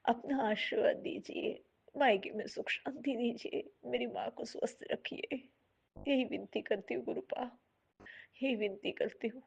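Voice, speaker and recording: A woman's voice: fairly high pitch, a little slow, vocal fry, breathy edge, lo-fi sound. A woman sending a pleading devotional prayer message, asking for blessings.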